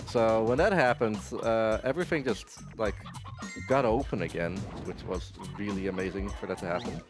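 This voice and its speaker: A man provides casual live commentary on his own speedrun at a gaming marathon while he plays. His voice is on the low side at a normal speed, with game music behind it.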